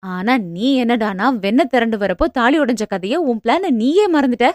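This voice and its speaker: A woman voicing a bold young village woman in a storybook romance, coaxing and quick as she lays out her plans. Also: fairly high pitch, no room sound, clean studio sound, close to an everyday voice. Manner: lively, coaxing, quick when explaining plans.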